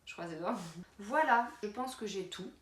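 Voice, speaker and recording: A woman's voice: medium pitch, expressive, moderate pace. A woman vlogger chatting casually through her travel toiletries, with many fillers and restarts. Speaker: beauty vlogger. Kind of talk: casual product walkthrough. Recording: roomy with faint background noise.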